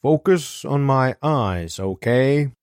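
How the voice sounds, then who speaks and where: A man voicing a brisk, gruff American doctor in his seventies who turns soft and coaxing with a patient. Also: medium pitch, expressive, dry recording, studio quality, voice pushed up. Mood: soothing. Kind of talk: audiobook character voice.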